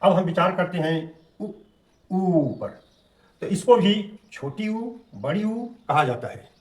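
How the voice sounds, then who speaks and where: A man giving a grammar lesson in a fairly high voice. He speaks slowly and patiently, stretching each vowel sound out to show how it should be pronounced. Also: big pitch swings. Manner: slow, drawn-out vowel demonstrations; patient, explanatory teaching tone. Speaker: teacher.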